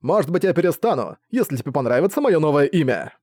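Male reader playing a cocky flirty rogue, raised pitch, close dry audiobook read. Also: sing-song, fast, a little mellow, no echo. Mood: teasing. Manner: smug, flirty, mocking. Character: cocky teasing male ex-villain.

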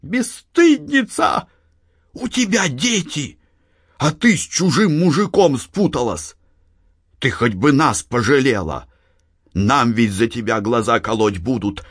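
A man doing a shrill scolding old mother. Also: lively intonation, takes it slowly, dry recording, clean studio sound. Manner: scolding, shouting reproaches. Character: older peasant mother, scolding, shrill and tearful. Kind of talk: audiobook reading.

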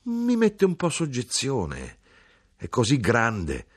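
A man's voice: mid-range voice, wildly swooping pitch, slow, pitched above the performer's own voice, exaggerated voice. A man reading an audiobook voices a coy, flirtatious youngish woman, his mother's friend, with giggling protests. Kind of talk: audiobook character voice.

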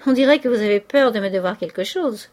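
A woman's voice: on the high side, animated, quick pace, darkish tone, natural voice. A woman reading an audiobook voices a sardonic man of forty, mocking, swaggering and coolly menacing.

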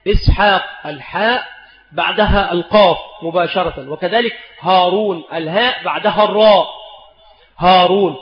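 A man with a rather high voice teaches a lesson and draws out each example word slowly and deliberately. His voice carries a long echo in a large hall. The recording sounds dull and lo-fi. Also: slight background noise. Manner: slow, deliberate, spells out examples. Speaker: Islamic scholar teaching spelling rules.

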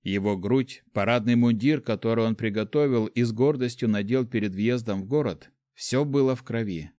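Male audiobook narrator, mid-pitched, measured delivery, dry close recording. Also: no room sound. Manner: steady, measured storytelling. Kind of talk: scripted narration.

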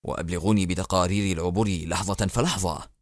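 A man's voice: fairly quick, no room sound, studio quality, close to an everyday voice. A man doing a grieving, firm head of state. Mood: grave. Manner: low, hushed and solemn.

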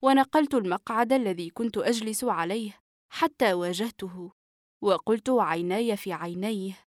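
A woman narrating a novel for an audiobook in a steady, even storytelling manner. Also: medium pitch, moderate pace, no echo, studio quality.

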